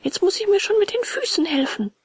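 A woman voicing a naughty young wooden puppet boy in a storybook, with a high, raspy voice. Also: lively intonation, moderate pace, dry recording, full character voice. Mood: desperate.

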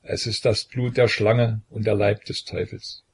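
A man's voice: lowish voice, flat delivery, unhurried, slightly rough. A man voicing a dying, delirious young prince who rails in feverish fury in a historical audiobook. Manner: raised, shouting rage.

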